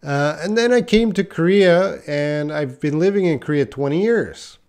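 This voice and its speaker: His voice sits a little high, with lively intonation and a clean, slightly mellow tone. He's a Western Canadian man in his thirties, lightly accented, giving a live English lesson in a small room by a whiteboard, where he takes viewers' questions with slow, patient explanations and frequent pauses.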